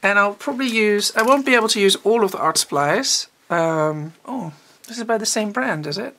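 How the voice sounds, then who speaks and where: Female art teacher, casual unboxing chat, clear bright voice, enthusiastic and thinking aloud. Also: mid-range voice, expressive, moderate pace.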